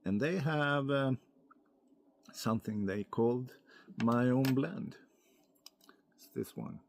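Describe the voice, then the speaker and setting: A man giving a casual, unscripted product review in a hesitant, halting way, as if thinking aloud. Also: medium pitch. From Europe. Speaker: pipe tobacco reviewer.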